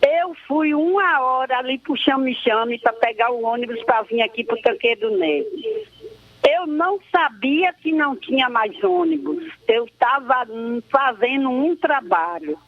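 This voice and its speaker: Woman caller, very high voice, earnest and rambling, thin phone-line sound. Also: expressive, a little slow, no echo. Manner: earnest, effusive, devout, rambling. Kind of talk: emotional call-in complaint.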